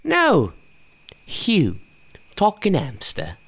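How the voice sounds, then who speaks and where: A man plays a cranky male hamster with a gravelly, creaky voice that swings widely up and down. He is rude and sarcastic, snapping insults in an audio drama. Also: high-pitched, wildly swooping pitch, very slow, a bit bright, exaggerated voice. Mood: impatient. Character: grumpy sharp-tongued male pet hamster.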